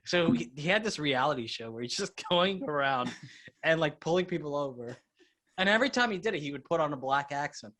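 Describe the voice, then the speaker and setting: A man co-hosting a casual film podcast, excitable, swearing and laughing as he talks. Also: fairly high pitch, brisk. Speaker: podcast co-host.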